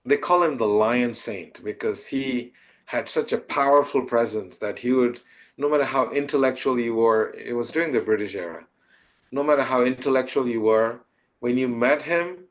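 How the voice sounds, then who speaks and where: A man, a spiritual teacher, answering a question by slowly telling a devotional story in a soft, tender way. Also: medium pitch. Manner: slow, tender storytelling with soft trailing phrases.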